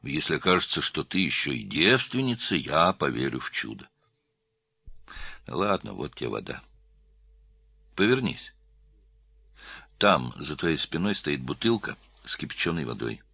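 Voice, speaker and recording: A man's voice: rumbling low, very animated, unhurried, vocal fry, pauses often, pushed and bright, slightly rough, dry recording, full character voice. A man playing a wry, teasing middle-aged artist in an audiobook. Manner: teasing, dry.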